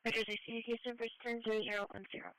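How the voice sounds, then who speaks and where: A woman's voice: a little high, little pitch movement, rapid-fire, a bit bright, smooth, no echo. A woman working as an emergency dispatcher, giving procedural acknowledgements and calls over a two-way radio. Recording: noisy scanner radio with clicks.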